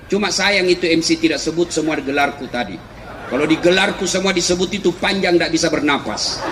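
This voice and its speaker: A middle-aged man preaching a comic sermon, animated, often shouting and laughing through his punchlines. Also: on the high side. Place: large hall with a live audience. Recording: echoey hall, faint crowd and noise.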